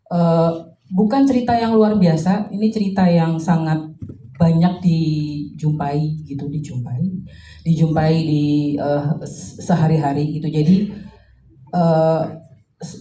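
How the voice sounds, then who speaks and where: A woman film director speaks at a press conference with a slightly low, warm voice. She is heard from a distance in a roomy hall. She searches for words, restarts often, and speaks thoughtfully. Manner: thoughtful, many fillers and restarts. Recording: roomy hall, distant mic, faint noise.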